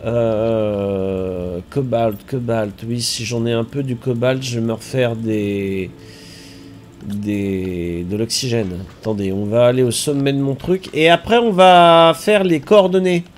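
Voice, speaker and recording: A man's voice: medium pitch, slow pace, slight background noise. A man with a slightly stuffy nose, chatting casually and thinking aloud as he streams a video game. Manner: relaxed, chatty, thinks aloud and repeats words. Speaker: streamer playing a survival game. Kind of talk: casual live-stream commentary.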